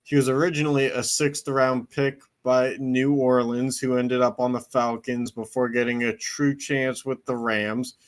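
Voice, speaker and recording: A young man chats about sports in a relaxed, conversational way, dropping dry little jokes between stats. His voice sits at an ordinary mid pitch. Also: measured pace, few pauses, clean tone. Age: young adult. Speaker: podcast co-host. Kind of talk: casual sports chat.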